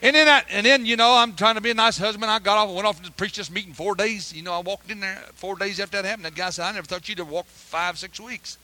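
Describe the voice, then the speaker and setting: Bright-voiced preacher telling a story. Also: male voice, high-pitched, fast, few pauses. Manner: rambling storyteller, loud outbursts, colloquial grammar. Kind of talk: folksy testimony sermon.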